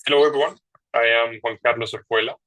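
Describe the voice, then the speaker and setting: Colombian man with a bright voice. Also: medium pitch, steady tone, fast talker, no room sound, poor audio. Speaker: panelist. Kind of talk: webinar introduction.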